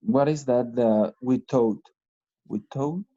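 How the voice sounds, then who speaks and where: Male student, slow hesitant reader, mellow tone, lo-fi video call sound. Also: mid-range voice. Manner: hesitant reading aloud, asks about words.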